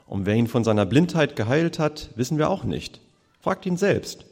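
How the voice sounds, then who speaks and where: A man reading a long scripture passage aloud in church, in a measured, steady way. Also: mid-range voice, gravelly, slightly rough, big-room sound. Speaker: scripture reader.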